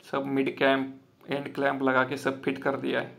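A solar installer and business owner from Maharashtra, India, films a walkthrough on an outdoor rooftop with a handheld phone. His medium-pitched voice is gravelly, fairly bright and monotone at normal speed. He narrates plainly and repetitively, calling his viewers friends.

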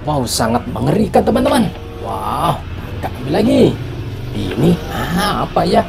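A woman's voice: extremely low pitch, big pitch swings, normal speed, gravelly, very noisy. A woman hosting a children's toy reveal, talking in a playful, exclamatory way like a kids' party magician presenting surprises. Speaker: children's toy video host.

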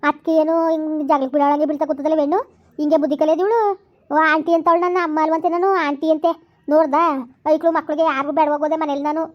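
A wounded, self-pitying village mother, played by a woman pours out her grievances in quick, high-pitched rhetorical questions with a rural Karnataka Kannada accent. The recording sounds a little dull and lo-fi. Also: flat delivery, lightly acted. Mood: aggrieved lament. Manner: complaining, lamenting, rhetorical questions.

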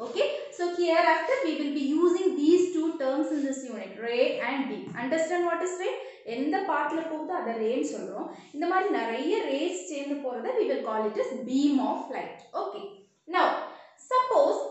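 A woman's voice: high-pitched, muffled recording. A young woman with a South Indian Tamil accent teaching a lesson, repeating phrases and asking checking questions. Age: young adult. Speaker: physics teacher. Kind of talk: classroom lesson with simple explanations. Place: small indoor room with whiteboard. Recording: very echoey bare room.

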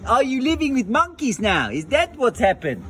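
A man's voice: extremely high pitch, huge pitch swings, moderate pace, a bit bright, exaggerated voice. A man playing an overwrought doll husband lost on safari in a comic skit, talking theatrically over faint music. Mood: frantic.

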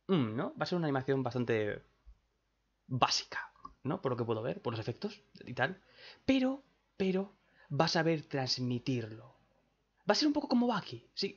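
A young man, reacting to a trailer late at night, excitable and swearing while trying to keep quiet. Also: medium pitch, husky, lo-fi sound. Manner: excitable, swearing, holding back shouts. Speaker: reaction channel host.

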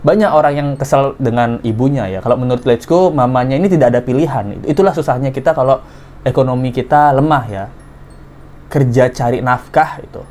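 Animated man commenting. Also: medium pitch, a little fast. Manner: animated, exclaiming, voice jumps up and down. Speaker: commentary host. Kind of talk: casual online commentary, reading messages aloud.

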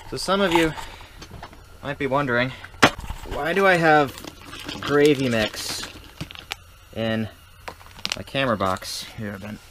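Against a noisy background, a young man with a mid-range voice takes his time, leaving long pauses. He's playfully joking through a casual ice fishing vlog, out on an open frozen lake and later in an ice fishing tent, captured on an action camera at arm's length or set nearby.

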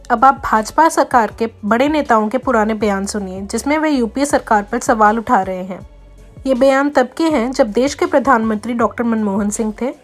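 A woman reading a scripted news voice-over in Hindi, measured and critical. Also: fairly high pitch. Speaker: news narrator.

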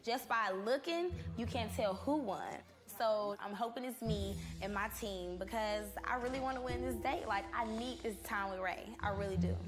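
A woman competing on a reality dating show, talking in an excited, hurried way. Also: on the high side, music in the background.

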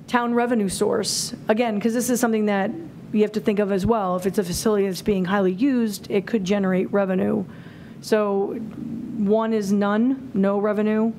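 A woman in her forties presents a scoring rubric to a committee in a town hall auditorium, speaking into a table microphone during a public meeting and talking it through with many fillers and restarts. Her medium-pitched voice is steady and a little mellow, at normal speed, with slight background noise.

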